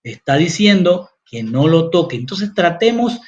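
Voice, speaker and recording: A man's voice: on the high side, big pitch swings, measured pace. Man teaching scripture, repeating key phrases. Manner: addresses listeners directly. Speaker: Bible teacher. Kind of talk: Bible study sermon. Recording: dull, lo-fi recording.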